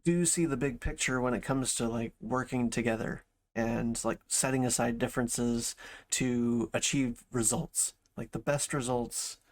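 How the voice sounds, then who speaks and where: A male streamer gives off-the-cuff reaction commentary in a mid-pitched voice. He rambles as he thinks aloud, piecing his points together in short fragments. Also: fairly even intonation, unhurried. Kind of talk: casual chat, reaction commentary.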